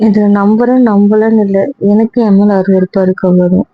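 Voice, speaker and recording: A woman's voice: mid-range voice, steady tone, a little fast, no room sound, highs cut off, lightly acted. A woman playing a hurt, reproachful young girlfriend. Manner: questioning, reproachful. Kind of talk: web drama acting.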